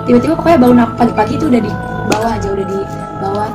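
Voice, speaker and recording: A teenage girl vlogger casually telling a story, chatty and animated, quoting other people as she goes. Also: on the high side, rapid-fire, loud music behind the voice. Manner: chatty, animated retelling with quoted voices.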